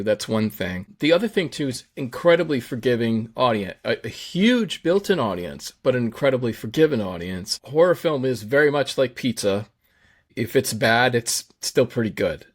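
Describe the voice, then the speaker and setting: A man talks in a loose, unscripted podcast chat. His voice sits at an ordinary middle pitch. He holds forth in long, opinionated runs, stumbling and restarting, with the odd blunt curse. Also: expressive, moderate pace. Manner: blunt, swears casually.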